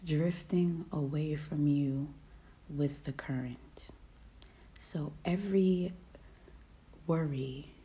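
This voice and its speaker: A woman guiding a meditation in a calm, soft voice that often drops to a whisper. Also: on the low side, creaky. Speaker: podcast host. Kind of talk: guided meditation.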